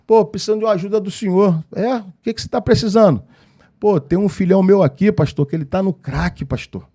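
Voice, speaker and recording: Man, pastor, Rio de Janeiro accent, high voice, animated storytelling, acts out dialogue. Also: fast talker. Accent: Rio de Janeiro Portuguese. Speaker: pastor, podcast guest. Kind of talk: storytelling in a podcast interview.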